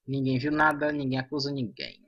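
A young Brazilian man commentating a game, swinging from groans to loud dramatic outbursts. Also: mid-range voice, flat delivery, fairly quick, muffled recording, a little hiss or hum. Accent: Brazilian Portuguese. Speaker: gamer playing a social deduction game. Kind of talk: excited gameplay commentary.

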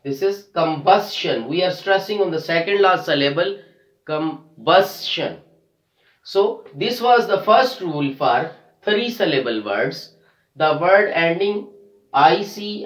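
A fairly high-voiced man teaches an English lesson at a slow, careful pace. He spells out letters and drawls example words, repeating them for emphasis. The sound carries a noticeable echo from the room. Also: fairly bright tone. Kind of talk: classroom lesson on word stress.

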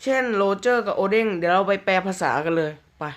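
A man chatting casually through mobile game news, joking around and reading out English slowly word by word. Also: sits high, clean tone. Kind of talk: casual commentary.

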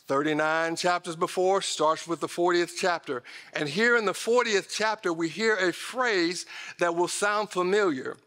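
Speaking to his congregation from the stage of a big indoor church auditorium, this middle-aged American pastor has a sharp, high-sitting voice and a measured pace. His sermon is emphatic yet conversational, full of direct address and folksy asides, all carried on reverberant hall sound.

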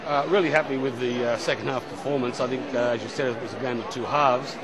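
An older man, a coach, giving a halting but upbeat post-match review full of pauses and fillers. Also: medium pitch. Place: outdoor stadium, post-match. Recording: loud crowd noise behind.

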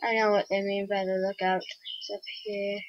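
A woman quietly thinking aloud while playing a video game, in casual commentary on a dull lo-fi recording. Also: medium pitch, flat delivery, moderate pace, no echo. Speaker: gamer.

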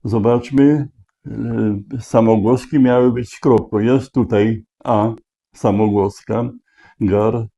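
A man thinking aloud as he solves a crossword, slowly spelling out letters and checking each word. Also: fairly low pitch, steady tone, creaky, dark tone. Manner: slow, deliberate, spelling out letters. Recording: dull lo-fi recording.

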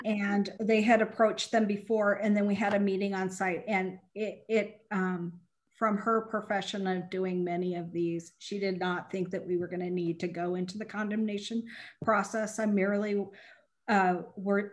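Halting woman staff presenter. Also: mid-range voice. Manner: halting, apologetic, many "um"s. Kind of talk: answering council questions.

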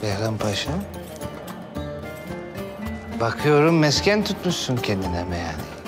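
Menacing pasha, low voice, swinging intonation, measured, period drama, music behind. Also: male voice, big pitch swings. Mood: cold menace. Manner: measured, threatening. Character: menacing Ottoman pasha, cold and commanding.

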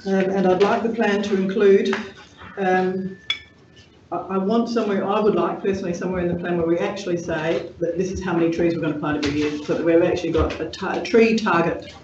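A man speaking as deputy lord mayor in a council committee meeting, hesitant and halting, with many fillers. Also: high voice, steady tone. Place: council chamber. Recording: echoey, dull room recording from a distance with noise.

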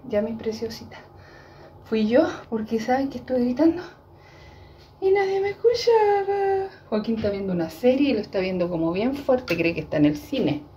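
A woman's voice: on the high side, animated, brisk, warm tone, slight background noise. A Chilean woman chatting casually to her viewers in a home cooking vlog from her kitchen. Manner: chatty, addresses viewers directly and often. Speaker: vlogger.

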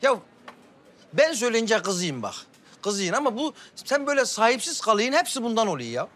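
A man's voice: extremely high pitch, big pitch swings, a bit bright, heavily acted. Blustering hot-tempered father. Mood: scolding. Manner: blustering, quick to anger, grumbling. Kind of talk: TV drama acting.

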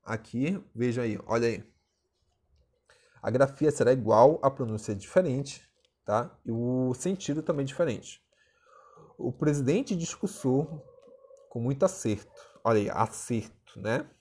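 A young male teacher gives a recorded video lesson. His voice is husky and sits at a middle pitch. He talks in a chatty way, always asking rhetorical questions and adding tag questions. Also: lively intonation, measured pace, mellow.

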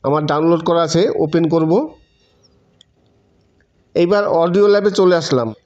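With a fairly high, slightly mellow voice, a Bengali man talks a little slowly through a step-by-step tutorial in a repetitive, instructional way. His voice-over is lo-fi, muffled and dull.

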